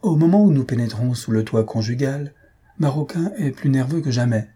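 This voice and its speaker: A man reading a novel aloud with steady, measured storytelling. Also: mid-range voice, slightly rough. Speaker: reader.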